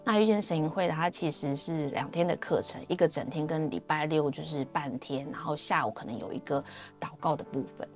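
A woman with a Taiwanese Mandarin accent tells her faith story in a relaxed, chatty way, her sentences trailing off into soft fillers. Her voice sits low with a gravelly rasp. Faint music plays underneath. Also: brisk. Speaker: guest sharing her testimony. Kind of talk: personal faith testimony, storytelling.

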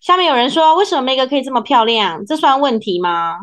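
She is a woman with a Taiwanese accent and a fairly high voice. Her pitch moves in big, animated swings as she chats casually like a podcast host, teasing and expressive. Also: quick pace. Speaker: podcast host, former radio presenter.

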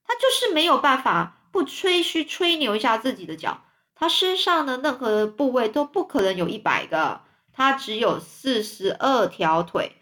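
A woman's voice: a little high, animated, normal speed, a bit bright. Woman voicing a grumpy indignant earthworm. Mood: grumbling. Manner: complaining, indignant. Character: grumpy blind earthworm, touchy and proud.

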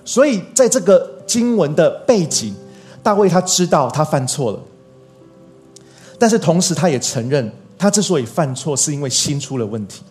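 A man's voice: fairly high pitch, sing-song, moderate pace, darkish tone, faint music behind. A male pastor giving a sermon in an earnest way, repeating key phrases for emphasis.

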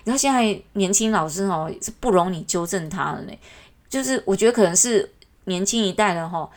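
A woman with a Taiwanese Mandarin accent, talking through her podcast as a casual monologue. She is chatty and animated, dropping in little particles as she goes, at a middle pitch. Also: a little fast. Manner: chatty, animated, frequent "hou" particles and laughs. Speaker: podcast host; works with kindergarten classes.

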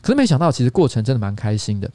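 A man's voice: medium pitch, big pitch swings, very fast, warm tone, no room sound, studio quality. A man in his forties with a Taiwanese Mandarin accent, hosting a casual livestream chat and rambling with many restarts and repeats. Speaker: podcast host. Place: office studio.

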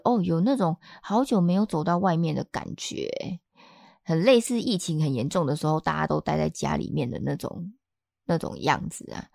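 Woman telling her story on a podcast, lowish voice but swings all over, chatty. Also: creaky, no echo, studio quality. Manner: chatty and expressive, acts out the people she quotes. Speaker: podcast host. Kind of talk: casual personal storytelling.

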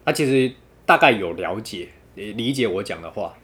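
A man telling a dating story in casual chat, quoting others with animated, laughing delivery. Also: on the low side, normal speed.

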